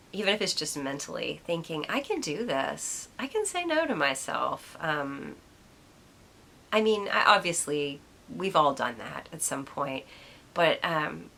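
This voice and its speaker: A woman from the United States hosts a casual solo podcast monologue at home, musing reflectively as she thinks aloud with plenty of ums and now and then talks aside to her cat. Her voice is low, gravelly, and sharp in tone.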